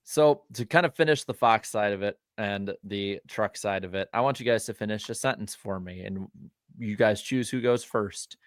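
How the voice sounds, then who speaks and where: A man's voice: lowish voice, normal speed, dry recording, clean studio sound. A man co-hosting a podcast, talking casually and ramblingly about motorsport. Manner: rambling, many fillers and restarts. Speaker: podcast co-host.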